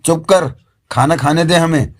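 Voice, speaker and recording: A man voicing a blunt, sharp-tongued young woman. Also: a little high, measured pace, close to an everyday voice. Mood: scolding.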